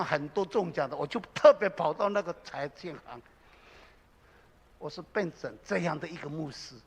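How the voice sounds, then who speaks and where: A man preaching a sermon as a pastor, impassioned, swinging between loud exclamations and low confiding asides. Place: church sanctuary. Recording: reverberant church hall.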